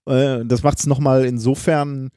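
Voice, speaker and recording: Man, podcast co-host, casual science explainer, frequent fillers, mellow dark tone. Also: medium pitch, flat delivery, a little slow, no echo, studio quality. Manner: long explanations with many filler sounds and tag questions.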